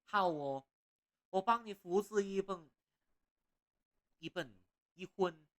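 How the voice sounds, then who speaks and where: A man's voice: high voice, slow, fairly bright tone, pitched above the performer's own voice. A man doing a sing-song fish shopkeeper. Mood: cheery. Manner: sing-song, stretching sentence endings. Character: cheery male fish shopkeeper, eager to please.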